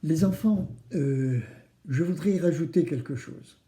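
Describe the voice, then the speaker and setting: A man's voice: on the high side, a little slow, dark tone. A man hosting a kids show, speaking to children with simple, coaxing explanations and questions. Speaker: children's craft show host. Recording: roomy, echoing room.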